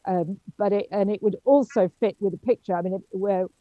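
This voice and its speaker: A woman's voice: medium pitch, brisk, dry recording, narrow, tinny audio. Hesitant woman chairing a seminar. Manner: hesitant, many ums and restarts. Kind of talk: academic discussion.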